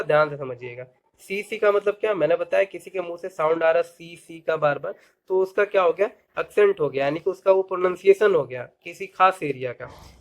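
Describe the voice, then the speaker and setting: Brief: higher-voiced male tutor, question-and-answer teaching, spells words slowly. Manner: explains with rhetorical questions and mnemonics. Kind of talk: vocabulary lesson.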